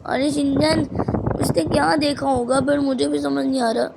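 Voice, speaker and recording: A woman's voice: high-pitched, fairly even intonation, normal speed, vocal fry, very noisy. A woman voicing a timid, easily scared cartoon boy who pleads with his friend in a worried tone, over gameplay.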